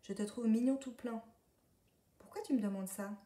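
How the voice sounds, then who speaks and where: A woman's voice: a little high, normal speed, mellow, close to an everyday voice. Woman voicing a kindly nanny goat. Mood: fond. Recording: echoey room, distant mic.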